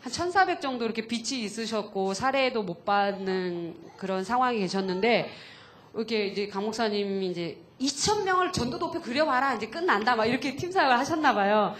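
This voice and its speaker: Pastor's wife sharing her testimony, kinda high voice, lots of fillers, a bit of hiss. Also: lively intonation, brisk, a bit bright. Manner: earnest, chatty storytelling with many fillers. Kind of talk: church testimony talk. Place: church camp hall.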